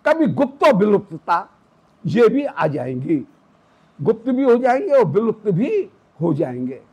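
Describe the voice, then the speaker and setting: Slow breathy high-voiced male teacher. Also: wildly swooping pitch, a little mellow, lo-fi sound. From South India roots. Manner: explanatory, demonstrates Vedic pronunciation. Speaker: religious teacher. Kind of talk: devotional scripture discourse.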